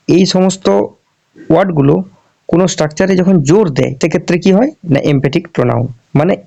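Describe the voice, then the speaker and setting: Man teaching grammar, gravelly and dark. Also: fairly high pitch. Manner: asks questions and answers them himself; drawls English example sentences slowly. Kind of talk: explanatory classroom lesson. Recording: dull lo-fi recording.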